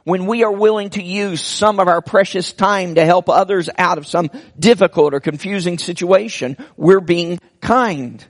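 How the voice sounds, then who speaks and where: A male pastor preaches a sermon slowly and deliberately, with earnest pauses and soft drops into prayer. His voice sits high.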